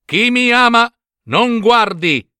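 A man's voice: extremely high pitch, animated, takes it slowly, sharp tone, clean tone, dry recording, studio quality, voice pushed up, heavily acted. A man voicing a brave, earnest young male hero in a storybook reading. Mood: defiant.

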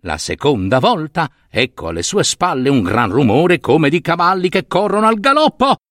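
A man telling a fairy tale, animated and talking to his listeners with little asides. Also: fairly high pitch, moderate pace, dry recording, studio quality. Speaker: storyteller.

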